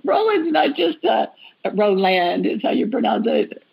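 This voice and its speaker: A woman hosting a podcast, chatty and upbeat, taking callers and making quick jokes. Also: a little high, sing-song, vocal fry, slightly rough, muffled recording. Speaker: podcast host. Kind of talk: casual chat.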